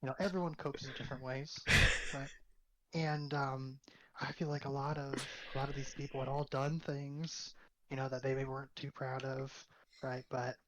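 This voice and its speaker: A man's voice: mid-range voice, little pitch movement, moderate pace. Thoughtful man on a dull, lo-fi mic. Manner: thoughtful, filler-heavy, asks for agreement with "right". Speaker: guest. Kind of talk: casual discussion. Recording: dull lo-fi mic with faint noise.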